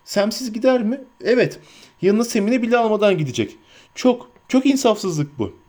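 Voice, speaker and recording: A man voicing an anxious, loyal young male hobbit servant, high-pitched and frantic, talking to himself. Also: animated, normal speed, a little mellow. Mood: fretful.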